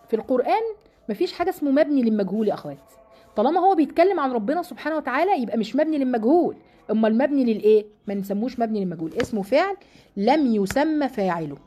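Egyptian woman, Quran lesson teacher, mellow voice, earnest, stresses words slowly. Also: fairly high pitch. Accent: Egyptian Arabic. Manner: earnest, emphatic, repeats key words slowly. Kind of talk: religious lesson to women.

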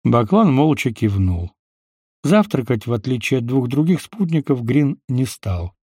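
A man narrating an audiobook in a measured, unhurried manner. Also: medium pitch, sing-song, warm tone, slightly rough, no room sound, clean studio sound. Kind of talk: scripted narration.

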